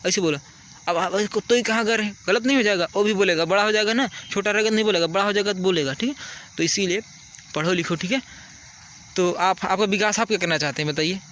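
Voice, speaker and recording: This high-pitched man speaks at a quick pace with a somewhat bright tone over slight background noise. It's a casual advice talk: a teacher earnestly and repetitively counseling children outdoors at night, repeating "ठीक है" to check they follow.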